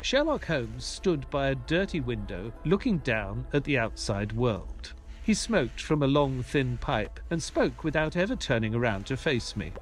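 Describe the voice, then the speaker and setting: A man playing a mild, earnest doctor who narrates his detective tale in a measured, polite audio play style. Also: mid-range voice, very animated, soft background music. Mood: reflective. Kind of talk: dramatic first-person audio play narration.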